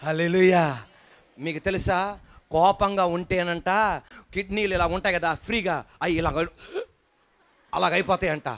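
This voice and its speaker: Preaching before a congregation in a church hall, this pastor speaks in a high, fairly bright voice with fairly even intonation, unhurried and pausing often. He is emphatic, firing questions at the listeners and coaxing them to respond, repeat and smile.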